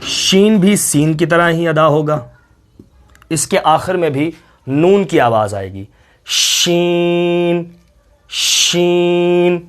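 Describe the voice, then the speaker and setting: A man with a fairly high voice gives a slow, step-by-step recitation lesson. He patiently stretches out each letter sound and repeats it for the learner. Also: animated. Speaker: Quran reading teacher.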